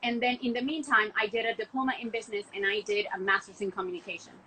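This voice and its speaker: A young Argentine woman who manages wine exports gushes about wine on a casual podcast call from home, the city visible through her window. She talks fast and chatty, medium-pitched with fairly even intonation, her voice pushed and bright, and she peppers everything with "like." The low-quality recording has slight background noise.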